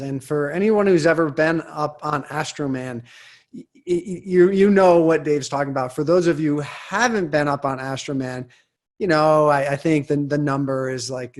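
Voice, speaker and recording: A man's voice: a little high, normal speed. A man hosting an interview, chatting enthusiastically and stammering when he restarts a thought. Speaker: podcast host. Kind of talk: casual interview chat.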